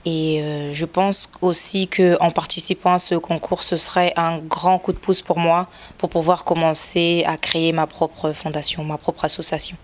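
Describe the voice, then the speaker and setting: A woman from the Republic of the Congo answers as a pageant contestant, with a fairly low voice. She speaks in a composed, measured way, pausing to think aloud. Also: level tone. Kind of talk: interview answers.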